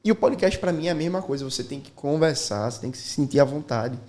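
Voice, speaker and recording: Man, casual host, rapid delivery, slightly high voice, animated storyteller. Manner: animated storyteller, mimics people mid-story. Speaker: videocast host. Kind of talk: casual chat.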